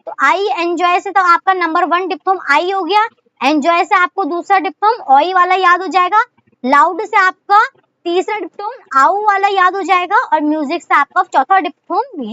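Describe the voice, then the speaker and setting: A woman with an Indian accent teaches at a very high pitch, walking through each point patiently and answering her own questions as she goes. The sound is a little dull and lo-fi, like a simple home recording. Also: a bit bright. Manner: explains step by step with frequent rhetorical questions. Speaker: shorthand teacher. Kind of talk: casual video lesson.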